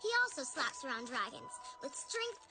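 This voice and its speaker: An actress playing an eager, star-struck young girl in an animated film. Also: high voice, normal speed, music in the background. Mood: awed.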